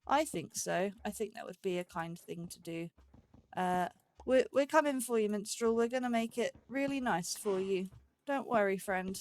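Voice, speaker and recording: Her voice is medium in pitch, expressive and a little mellow, moving at a normal speed. This gaming host gives relaxed, chatty let's play commentary, musing out loud and addressing the animals in the game.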